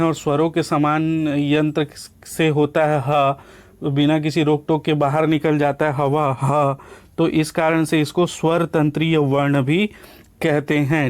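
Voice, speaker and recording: A man teaching a lesson, asking questions aloud and answering them himself, often checking in with a quick "okay". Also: on the high side, a little mellow, smooth. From India. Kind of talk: classroom lecture.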